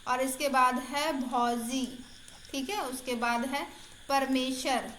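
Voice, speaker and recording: A woman's voice: high voice, slow pace, fairly bright tone, echoey room, a little hiss or hum. A woman exam-prep tutor in a casual online lesson, chatty and encouraging, repeating answers aloud.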